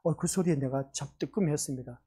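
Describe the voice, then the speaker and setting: A male pastor delivers a sermon in a church. His voice sits high for a man and has a husky grain, and he preaches earnestly while acting out bits of dialogue from a story about the children. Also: quick pace, mellow. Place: church sanctuary.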